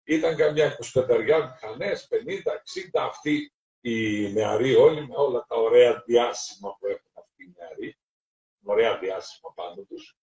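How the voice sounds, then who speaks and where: A middle-aged Greek man, a priest, telling stories to an audience and acting out the dialogue in them. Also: mid-range voice. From Greece. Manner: lively anecdotal storytelling, acting out dialogue. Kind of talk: storytelling sermon talk. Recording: roomy, distant, dull lo-fi recording.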